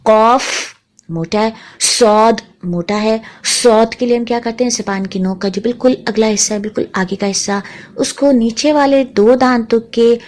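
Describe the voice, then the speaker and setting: A woman teaching a tajweed lesson, patiently naming letters one by one and repeating each sound slowly. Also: fairly high pitch, a little mellow, a little hiss or hum. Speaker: Quran recitation teacher.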